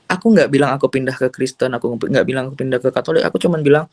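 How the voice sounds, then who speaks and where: A man's voice: mid-range voice, rapid-fire, no echo. A man giving an emotional personal testimony as an interviewee, earnest and rambling, with lots of casual fillers and the odd English phrase. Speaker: interviewee telling his conversion story.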